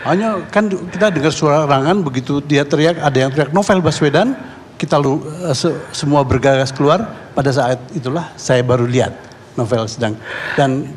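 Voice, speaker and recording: An Indonesian man, a neighborhood head, appears as a guest on a televised talk show to give his eyewitness account. His speech is halting, full of repeats and restarts, at an ordinary male pitch. A long hall reverb rings around him over faint room ambience and slight background noise.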